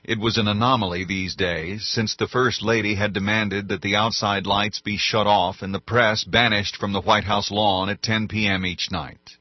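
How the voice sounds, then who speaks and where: A male narrator reading an audiobook at a measured, even pace. His voice is low and husky. The recording sounds dry and a little dull. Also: dry recording. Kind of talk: scripted narration.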